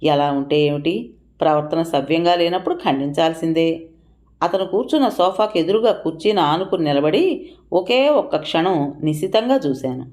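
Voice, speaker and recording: Low-voiced woman reading a story aloud. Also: moderate pace. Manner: expressive, lifts voice for quoted speech. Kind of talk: audiobook narration.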